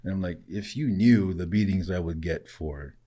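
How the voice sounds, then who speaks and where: Sounding like a thirtysomething guest on an easygoing podcast, a Samoan man who grew up speaking shares stories conversationally and frequently bursts into laughter. His voice is very low and his pace moderate.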